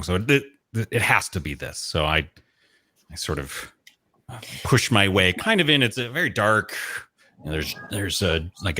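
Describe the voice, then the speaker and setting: A man's voice: deep voice, sharp tone. A man playing a tabletop game, casually improvising his actions in a rambling way, repeating words as he thinks. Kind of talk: casual improvised role-play narration.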